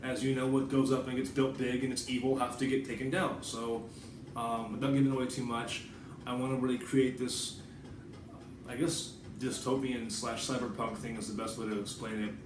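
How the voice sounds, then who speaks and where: This writer and vlogger from the United States speaks at medium pitch with a flat delivery and moderate pace. He wanders through an informal, digressive vlog monologue, swearing now and then. Echo from the room, a distant microphone and background noise color the recording.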